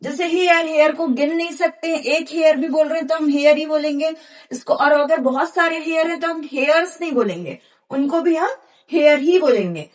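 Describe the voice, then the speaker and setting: A woman's voice: sits high, moderate pace. A woman teaching a grammar lesson, explaining patiently and spelling out examples one by one.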